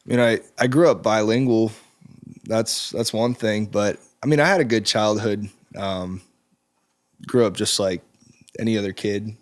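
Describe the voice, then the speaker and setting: A man in his twenties, a musician guest, talking in a relaxed, halting way with frequent ums in a studio interview. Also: fairly low pitch. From Czech Republic. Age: 20s. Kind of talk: casual interview chat. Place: recording studio.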